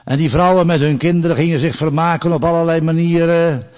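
A man preaching a sermon, growing loud and emphatic when he recites scripture and dropping to quiet storytelling asides. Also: fairly high pitch, steady tone, brisk, big-room sound.

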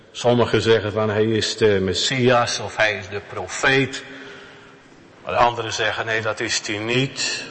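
A male pastor delivers a sermon at an unhurried pace. His voice is bright and forceful, and he leans on repeated words for emphasis. A long church reverb trails after each phrase. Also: mid-range voice. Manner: slow, emphatic preaching with repetitions.

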